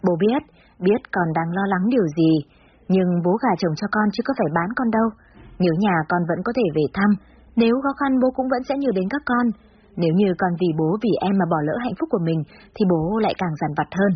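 A woman's voice: medium pitch, lively intonation, a little fast, breathy edge, highs cut off. A woman voicing an aging father who speaks tenderly and soothingly in a story reading. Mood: consoling. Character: gentle aging father, consoling and soft-spoken.

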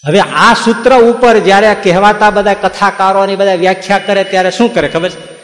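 A man's voice: high-pitched, fairly even intonation, a little fast, reverberant, long reverb tail, a little hiss or hum. A man giving a devotional sermon to a gathering, full of rhetorical questions and teasing asides. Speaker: religious discourse speaker.

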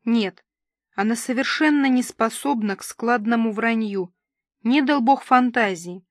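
A woman's voice: a little high, measured pace, no echo, clean studio sound, lightly acted. A woman reading the lines of a worried, weary middle-aged neighbor who talks in a gloomy, matter-of-fact way.

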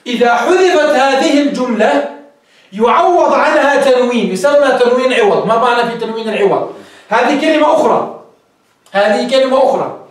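A man with a very high voice gives a grammar lesson, explaining each point step by step and firing questions at his students. His voice rings around a strongly echoing classroom, picked up by a microphone some way off. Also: expressive, fairly quick. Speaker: teacher of Arabic grammar. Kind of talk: classroom lecture. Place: classroom with a board. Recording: very echoey room, mic far off.

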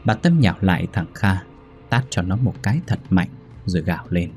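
A man narrating a dark story in a grave, measured voice. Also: low voice, lively intonation, faint music behind.

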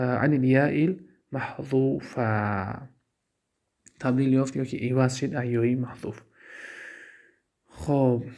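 This lesson on Arabic grammar comes from a man with a Tajik accent and a medium, slightly mellow voice. He asks questions of himself and slowly restates the key terms.

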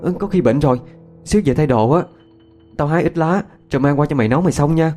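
A man voicing a lively young village girl who teases and scolds her friend. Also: mid-range voice, faint music behind, voice pushed up, close to an everyday voice. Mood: teasing. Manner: teasing, quick, scolding.

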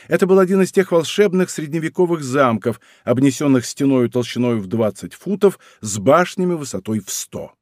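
A man narrating a historical adventure novel as an audiobook, with expressive storytelling. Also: mid-range voice, no echo, studio quality. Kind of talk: scripted narration.

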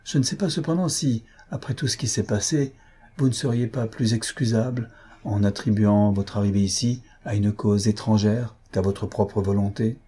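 A man reading an audiobook, voicing a composed, dignified young woman who speaks in a measured, stern and formal way. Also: fairly low pitch, dark tone, breathy edge. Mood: dignified reproach.

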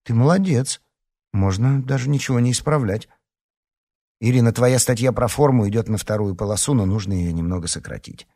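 A man's voice: mid-range voice, fairly quick, dark tone, voice pushed up, natural voice. A man reading an audiobook, voicing a bossy, commanding teenage girl who edits a school paper. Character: stern young female school newspaper editor.

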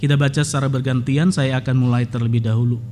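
A man's voice: medium pitch, steady tone, fast talker, dark tone, slight background noise. A man preaching a sermon as pastor, telling a story and then building to emphatic exhortation.

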